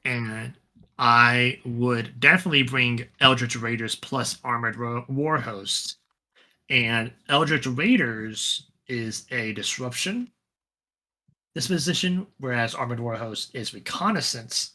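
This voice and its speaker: A podcast co-host, a man with a medium-pitched voice, talks slowly and casually about a tabletop wargame. His relaxed delivery rambles, packed with fillers and restarts.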